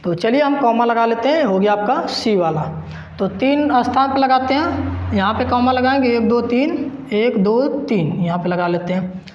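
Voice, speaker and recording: Man teaching math in an echoey room. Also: extremely high pitch. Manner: slow, repetitive, step-by-step explaining. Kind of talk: online math lesson. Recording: roomy, dull lo-fi recording.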